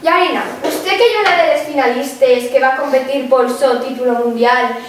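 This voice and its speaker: A woman's voice: high voice, moderate pace, slight background noise, lightly acted. Female field reporter, acted on stage, inquisitive and polite, Asturian accent, mock news, distant echoey hall. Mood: curious.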